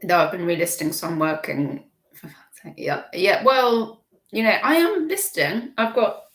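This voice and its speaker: A woman's voice: mid-range voice, expressive, measured pace. A British woman hosting a casual live stream from her kitchen, rambling chattily and breaking off her own sentences. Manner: chatty, self-interrupting, warm chuckles. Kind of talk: rambling casual chat, reading viewer comments. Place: home kitchen. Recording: echoey home kitchen.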